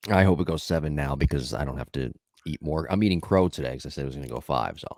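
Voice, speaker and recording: Middle-aged dude with a super deep gravelly voice, jokey podcast banter, dry mic. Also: male voice, quick pace, darkish tone, no room sound. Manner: joking, crude banter. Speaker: podcast co-host. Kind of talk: casual podcast chat.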